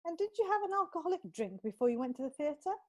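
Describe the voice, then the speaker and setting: Brisk, exasperated lawyer, played by a woman, slightly high voice. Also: big pitch swings, a little mellow. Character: crisp courtroom lawyer, woman.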